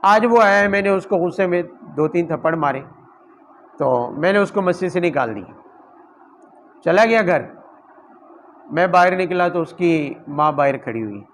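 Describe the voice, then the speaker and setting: A man delivers a Quran commentary sermon in a high-pitched voice. He talks to his listeners conversationally, asking rhetorical questions and telling stories from his own teaching. A faint hum of noise sits behind him. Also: animated, pauses often, fairly bright tone, rough recording.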